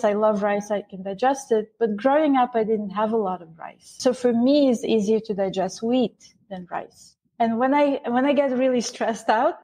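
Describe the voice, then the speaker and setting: A woman from Bulgaria talks as a guest in an interview, explaining at length. Her voice sits fairly high. She restarts phrases often and keeps an eager, animated flow. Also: breathy edge. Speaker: guest, Ayurveda author. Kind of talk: interview conversation.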